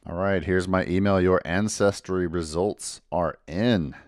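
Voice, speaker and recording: A man with a very low voice hosts a genealogy vlog in a casual, explanatory way. He works through the numbers step by step, methodical and clear. The sound is dry and close, with no room echo. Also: steady tone, a little slow, a little mellow. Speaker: genealogy channel host.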